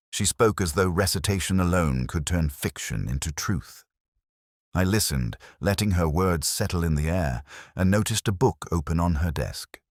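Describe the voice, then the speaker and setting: Playing a brooding police inspector, a man uses an extremely deep, exaggerated voice that rises and falls expressively. His narration is measured and contemplative, with deliberate, literary phrasing that sounds weary and watchful, like a detective radio play. The recording is dry, with no room sound at all.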